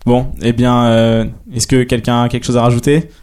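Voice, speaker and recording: A man hosting a casual podcast about TV series, quick to chime in. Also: medium pitch, flat delivery, a little mellow, clean tone. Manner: quick, chiming in. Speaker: podcast host.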